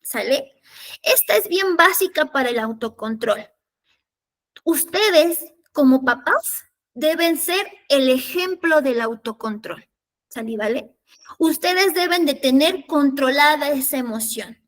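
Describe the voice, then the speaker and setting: Woman, high register, parenting workshop leader, explanatory tone with frequent check-ins. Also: lively intonation, takes it slowly. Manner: explanatory, checks in with listeners through tag questions. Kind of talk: workshop lecture.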